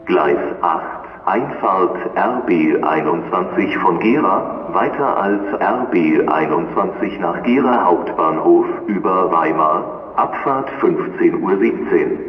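Deep-voiced male German train station announcer. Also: animated, phone-quality sound, soft background music. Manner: formal, measured announcer delivery. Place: train station hall, heard over public address. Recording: distant, reverberant station loudspeaker with noise.

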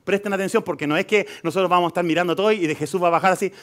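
A man with a Chilean accent preaching a live sermon in church, swinging between quiet asides and loud, emphatic stretches. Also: sits high, very fast. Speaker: pastor. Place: church hall.

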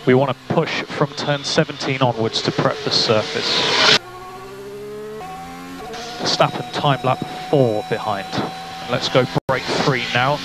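A male race engineer giving calm, terse team radio calls of gaps and instructions to his driver. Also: mid-range voice, gravelly, rough recording. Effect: team radio to the driver's car.

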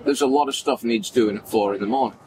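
Animated Manchester man telling stories. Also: medium pitch, quick pace, noisy background. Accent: Manchester English. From Manchester, England. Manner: animated, acts out quoted dialogue, gestures widely. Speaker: podcast guest. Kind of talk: casual storytelling interview. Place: indoor event backdrop at a farmers market.

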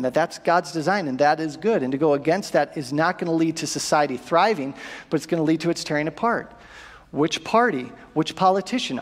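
A man in his thirties preaching a sermon from a church stage, animated and asking the congregation rhetorical questions. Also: high-pitched. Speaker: pastor. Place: church auditorium stage with audience. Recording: long reverb of a church hall.

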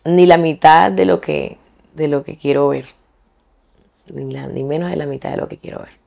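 A young woman from Colombia, a singer being interviewed, talking frankly and colloquially, pausing and restarting as she thinks. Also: deep voice, steady tone, creaky, a little mellow. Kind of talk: candid interview conversation.

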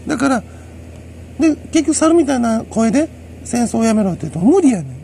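A man's voice: very high voice, big pitch swings, a little fast, gravelly, dark tone, slight background noise. A man with a Kansai accent, rambling through a solo monologue in a lecturing way and chuckling to himself. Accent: Kansai Japanese. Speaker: solo commentator.

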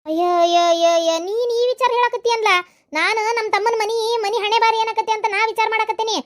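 A woman voicing a scolding mother-in-law in a cartoon, with a North Karnataka accent and a sharp, nagging way of talking. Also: extremely high pitch, steady tone, fast talker. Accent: North Karnataka Kannada.

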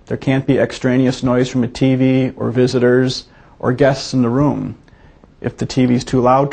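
Gravelly, mellow male physician instructor. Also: medium pitch. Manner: methodical, explanatory. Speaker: physician demonstrating an exam. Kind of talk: medical teaching demonstration.

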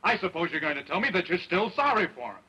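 Jealous confrontational showman, bright raspy voice, old movie style. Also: high voice, very animated, fast talker, muffled recording, heavily acted. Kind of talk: early sound film acting.

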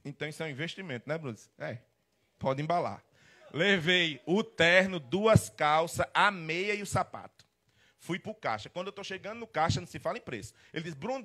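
A man's voice: sits high, a bit bright. A man giving a humorous storytelling lecture as a marketing consultant, acting out both sides of the dialogues. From Rio Grande do Norte, Brazil. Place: restaurant event hall.

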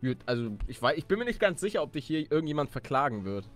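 Over background music, a gamer commentates casually on a Minecraft story series, with bits of role-play. His voice is on the high side, sing-song and fairly bright, and he talks fast. He frequently hesitates and repeats words while coaxing along.

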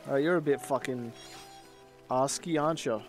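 A man's voice: mid-range voice, moderate pace, soft background music. A man chatting casually while playing a game and reading its dialogue aloud. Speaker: streamer. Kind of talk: casual gameplay commentary.

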